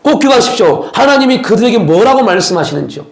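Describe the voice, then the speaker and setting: Male pastor, very high voice, preaching a sermon with rhetorical questions, echoey church room. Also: big pitch swings, fast talker. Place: church sanctuary.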